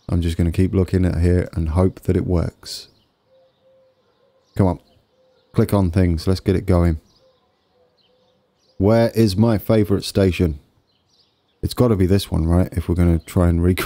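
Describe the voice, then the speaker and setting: A gaming video host with a low, dark-toned voice gives casual commentary on a game build. He sounds wheezy and congested, tentatively thinking aloud as he goes.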